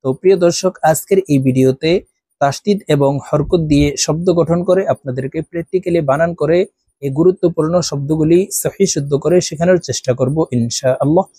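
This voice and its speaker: A man teaching a reading lesson, spelling out syllables one by one and drawing recited words out slowly. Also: a little high, dark tone, husky, no echo.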